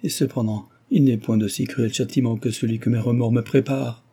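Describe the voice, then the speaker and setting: A man's voice: steady tone, a little fast, dark tone, slightly rough. A man voicing a proud, distressed young heiress. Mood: ashamed, agitated. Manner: pleading, emotional, high-strung. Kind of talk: audiobook reading.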